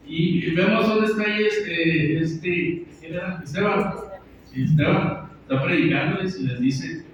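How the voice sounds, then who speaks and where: Conversational preacher in an echoey church. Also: male voice, a little high, slight background noise. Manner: conversational, asks and answers his own questions. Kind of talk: sermon. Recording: echoey church from far off, dull.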